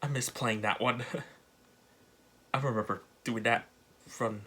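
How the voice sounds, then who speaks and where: A man's voice: medium pitch, steady tone, unhurried, sharp tone, breathy edge. A man giving casual, off-the-cuff commentary as host of a reaction video.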